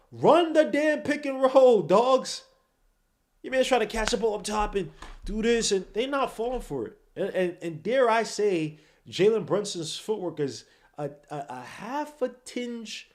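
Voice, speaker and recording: A man hosting a late-night basketball podcast, tired and yawning, rambling and swinging from low mutters to loud outbursts. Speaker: podcast host.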